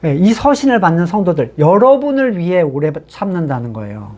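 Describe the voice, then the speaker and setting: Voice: mid-range voice, sing-song, fairly quick, a little mellow. A pastor giving a sermon in a conversational way, reading scripture passages aloud and then explaining them with rhetorical questions to the congregation.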